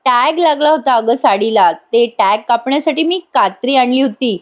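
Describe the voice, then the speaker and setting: A flustered young woman with a high voice stammers her way through pleading denials, as a woman reading a serial recap puts her on. The voice lifts well above ordinary talk. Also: lively intonation, normal speed. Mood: friendly.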